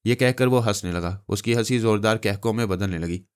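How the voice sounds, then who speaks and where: Deep-voiced male storyteller. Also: fairly quick, clean tone. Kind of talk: audiobook narration of a novel.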